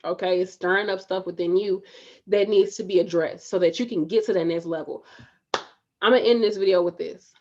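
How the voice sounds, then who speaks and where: A woman's voice: on the low side, fairly even intonation, fairly quick, a little mellow, lo-fi sound. A woman in her thirties giving a casual, motivational talk straight to her viewers, emphatic and repeating lines to urge them on. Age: 30s. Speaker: spiritual vlogger. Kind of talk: motivational direct-to-camera talk.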